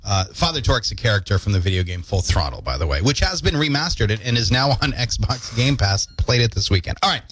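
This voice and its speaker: A man in his thirties co-hosts a morning radio show, telling animated stories and cracking playful jokes into a studio mic. He talks fast with few pauses, in a voice on the low side.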